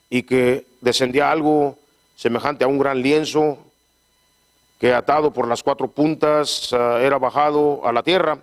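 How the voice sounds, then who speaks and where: Guy preaching, keeps asking the church for an amen, trips over words reading the bible, mid pitch. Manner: call-and-response, frequent "¿verdad?"; halting, repeats words while reading scripture. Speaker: pastor. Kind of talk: sermon.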